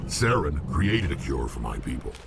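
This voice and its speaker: A man voicing a blunt, brooding, angry alien warrior in a video game, with a gruff, gravelly rumble. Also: very animated, moderate pace, exaggerated voice. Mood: angry, pleading. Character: angry, gruff alien krogan warrior, loyal but wary. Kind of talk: dramatic video game acting.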